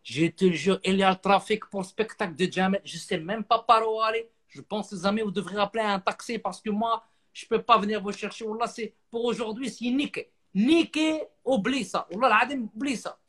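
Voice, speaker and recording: A man's voice: sits high, normal speed, fairly bright tone, pitched above the performer's own voice. A man voicing a cheeky male driver who pleads and whines excuses in slang. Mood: whining excuses.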